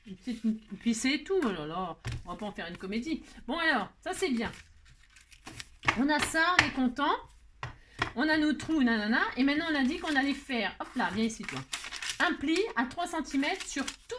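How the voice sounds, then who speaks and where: A woman's voice: sits high, expressive, normal speed, noisy background. A woman hosting a crafting tutorial, chatting playfully and talking to herself while she works. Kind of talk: casual craft tutorial talk.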